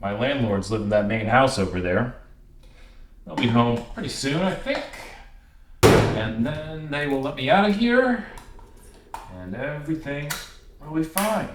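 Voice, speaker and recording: A man's voice: medium pitch, animated, measured pace, pauses often, roomy sound, noisy background, close to an everyday voice. An actor playing a frustrated, isolated man trapped in a garage apartment, talking with sarcastic exasperation.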